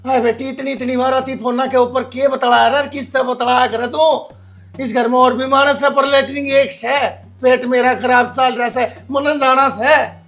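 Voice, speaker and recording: A man's voice: extremely high pitch, little pitch movement, normal speed, a bit bright. An actor playing a grumbling old Haryanvi father. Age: older. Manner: complaining, exasperated.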